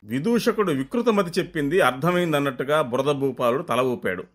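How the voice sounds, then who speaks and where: A man narrating a scripted comic folk tale in a lively storytelling manner. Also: on the high side, a little fast, noisy background.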